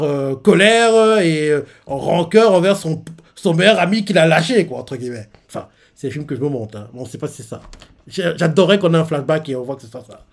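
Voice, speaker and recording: A man reading a manga chapter live and reacting in a chatty way, full of fillers and speculation. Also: on the high side.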